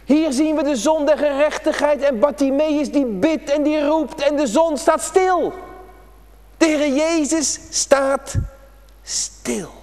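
A man's voice: very high voice, takes it slowly, darkish tone, long reverb tail. A man preaching an emphatic, repetitive prayer-day sermon to children in a church. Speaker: pastor.

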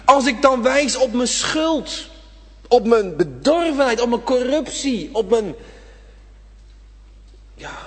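A man preaching a sermon, impassioned, swinging from loud appeals to hushed whispers, in a church. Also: very high voice, very animated, slow, pauses often, slightly rough. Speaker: pastor. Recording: reverberant church hall.

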